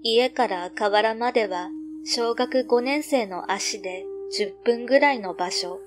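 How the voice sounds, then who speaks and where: A woman reading a scripted ghost story as narrator, measured and suspenseful, pausing between short phrases. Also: fairly high pitch, over music.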